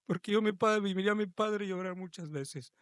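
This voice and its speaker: A man preaching a sermon as pastor, swelling from low talk to loud, shouted passages. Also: moderate pace, clean tone, dry recording, studio quality.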